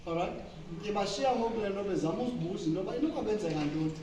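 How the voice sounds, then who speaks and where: A woman's voice: medium pitch, expressive, racing. Echoey, distant woman with a Xhosa accent. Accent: Xhosa South African. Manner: explanatory, punctuated by check-in questions. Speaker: speaker leading a talk. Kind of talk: informal teaching talk, code-switching with English. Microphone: distant from the speaker. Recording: very echoey room, distant mic, noisy.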